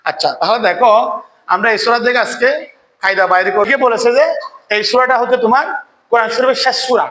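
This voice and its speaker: Bright, high-voiced male recitation teacher. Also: steady tone, echoey room, low-quality recording. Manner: quizzes students, often asks "কেমন?" to check understanding; chants verses slowly when demonstrating recitation. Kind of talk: classroom tajweed lesson.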